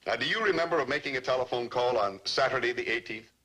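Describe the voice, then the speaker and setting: An actor playing an exasperated father straining for patience in an old TV sitcom, questioning deliberately. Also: mid-range voice, bright, forceful tone. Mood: strained patience. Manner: deliberate, interrogating. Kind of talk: 1950s-60s TV sitcom acting. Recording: noisy old TV soundtrack.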